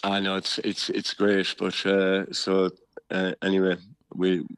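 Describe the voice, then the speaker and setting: An older man from Kerry with a lilting Irish accent, chatting anecdotally as an interview guest in a rambling, halting storyteller's way with homely comparisons. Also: low-pitched, completely flat delivery, a bit bright, clear, resonant tone, no room sound. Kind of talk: casual, anecdotal radio chat.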